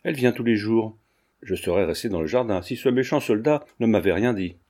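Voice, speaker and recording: A man voicing a defiant, fearless little boy who answers bluntly and gravely, in an audiobook reading. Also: on the low side, animated, brisk, a little mellow.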